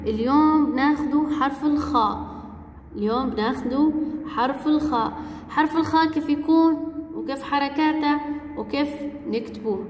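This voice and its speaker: A woman teaching young children the alphabet, speaking slowly and patiently and repeating each word. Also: high-pitched. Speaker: kindergarten teacher. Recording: echoey room with long reverb.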